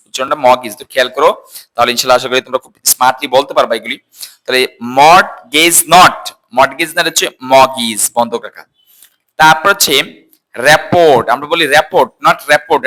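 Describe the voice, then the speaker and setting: Bright-voiced man teaching English words. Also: on the high side. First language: Bengali. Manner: drills words by repeating them slowly and asking the class. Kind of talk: casual spoken lesson.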